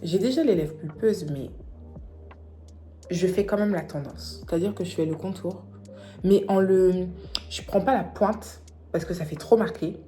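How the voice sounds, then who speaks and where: Young woman vlogger, mellow low voice, playful self-mocking makeup chat over light music. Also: a little slow. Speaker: beauty vlogger. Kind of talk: casual makeup tutorial chat.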